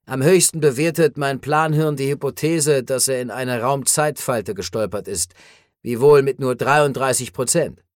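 Guy doing a calm formal alien, measured and reassuring, dry close mic. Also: mid-range voice, no room sound, natural voice.

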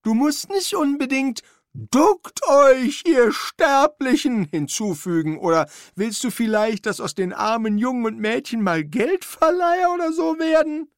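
A narrator putting on the voice of a fussy, servile old manservant in a radio play, talking high and quick. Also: male voice, lively intonation, no room sound, exaggerated voice. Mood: instructive. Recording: dry studio recording.

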